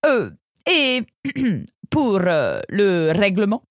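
A woman voicing a smooth-talking male shopkeeper in a storybook, salesy and playful, sprinkling in foreign words. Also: medium pitch, huge pitch swings, extremely slow, no room sound, clean studio sound, full character voice. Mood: smooth persuasive. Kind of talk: audiobook character voice.

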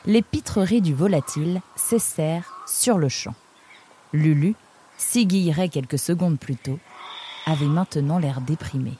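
Slow, expressive woman storyteller. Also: low-pitched, slight background noise. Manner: measured, expressive reading. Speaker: narrator. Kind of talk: storybook narration.

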